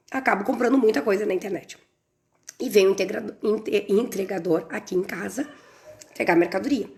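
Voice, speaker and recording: A middle-aged woman, teaching a live online class and telling a story with lively emphasis. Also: mid-range voice, gravelly. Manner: animated, acts out dialogue with strong emphasis. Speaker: course instructor on a livestream.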